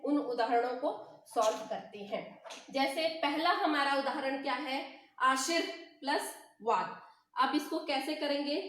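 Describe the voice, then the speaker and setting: A woman's voice: sits high, a bit bright. A woman teaching a grammar lesson at a board, patiently spelling out letters and checking in with each step. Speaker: Hindi teacher. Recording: very echoey room.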